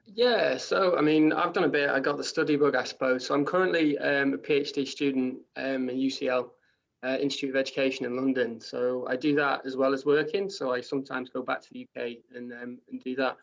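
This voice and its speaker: A Welsh man in his thirties, a guest speaker chatting casually on a video call, relaxed with lots of ums, trailing off quietly. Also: mid-range voice, brisk, vocal fry. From Wales. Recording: dull lo-fi call audio.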